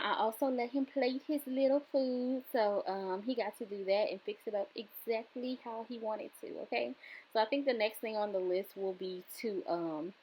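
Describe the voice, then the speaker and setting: A woman's voice: mid-range voice, darkish tone, breathy edge, rough recording. A young woman chatting casually to her viewers in a home kitchen vlog, talking them through the cooking with lots of fillers. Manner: chatty, filler-heavy, addresses viewers directly. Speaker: vlogger.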